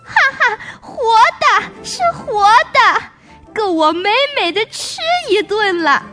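Gullible greedy tiger for a storybook, loud and blustering, as a woman puts him on. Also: extremely high pitch, lively intonation, slow pace, soft background music, exaggerated voice. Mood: gleeful. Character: greedy big male tiger, boastful and gullible.

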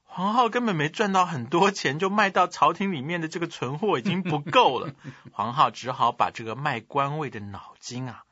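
A man's voice: on the high side, moderate pace, sharp tone, husky, no echo, highs cut off. A man telling a comic historical story in crosstalk style, chuckling as he narrates.

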